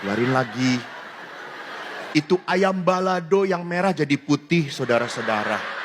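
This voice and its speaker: In a reverberant hall with faint ambience and some background noise, a priest tells a funny sermon as a story at a moderate pace. His voice sits on the high side, and he frequently breaks into laughter as he jokes animatedly.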